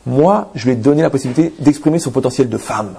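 A man's voice: medium pitch, fast talker, creaky, background noise. A man giving an anecdotal religious talk as a rabbi, telling stories, asking rhetorical questions and checking "d'accord?" with his audience. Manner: lively storyteller, rhetorical questions, frequent "d'accord?".

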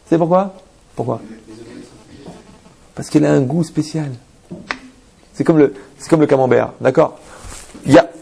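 Gravelly, husky-voiced man teaching a religious talk. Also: on the high side. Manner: lively storyteller, rhetorical questions, frequent "d'accord?". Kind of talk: anecdotal religious talk to an audience.

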